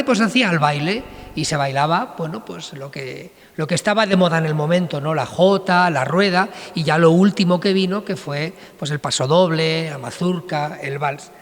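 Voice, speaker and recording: Man, folk singer addressing a crowd, quick and chatty with lots of fillers, long hall echo. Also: high voice, a bit bright. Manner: rapid, chatty, full of fillers and tag questions. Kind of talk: spoken introduction at a public event. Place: large reverberant hall at a public presentation. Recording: long hall reverb in a large space.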